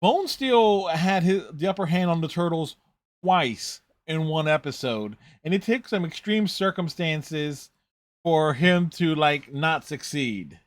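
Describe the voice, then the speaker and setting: A man's voice: on the high side, animated, takes it slowly, dry recording. A man hosting a reaction video, giving casual, rambling, conversational running commentary on a TV show.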